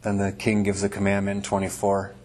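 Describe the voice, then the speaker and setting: A man's voice: fairly low pitch, monotone, fairly quick, a little mellow. A man preaching a sermon in a church, breaking up scripture readings with folksy, conversational asides. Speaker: pastor. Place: church before a congregation.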